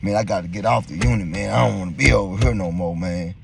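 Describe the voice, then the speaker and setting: A man putting on a quiet, dying prisoner. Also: quick pace, gravelly, very noisy. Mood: weary. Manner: low, subdued, confiding street talk. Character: gaunt, dying male prisoner, quiet and resigned.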